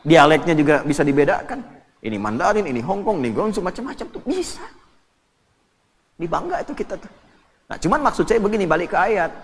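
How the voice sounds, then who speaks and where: An Indonesian man giving a lively, joking sermon to an audience, quoting Arabic scripture. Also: a little high, husky, in a large hall. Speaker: preacher.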